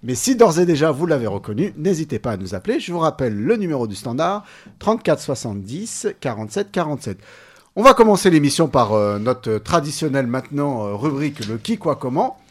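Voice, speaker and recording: A man hosting a local radio show, relaxed and unhurried, with frequent "euh" fillers. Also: on the high side. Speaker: radio host.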